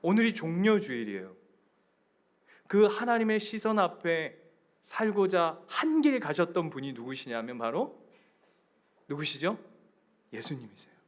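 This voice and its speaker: A man with a high voice preaches a Sunday sermon in a church sanctuary, speaking with a Gyeongsang accent. He moves between hushed, almost whispered asides and loud, emphatic cries. He questions the congregation directly and leads them in reading scripture together. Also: big pitch swings, a little slow, long pauses. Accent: Gyeongsang Korean. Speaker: pastor.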